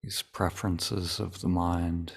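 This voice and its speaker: A man teaching a guided meditation speaks low in his range with vocal fry. He talks calmly and deliberately, in short phrases broken by long pauses.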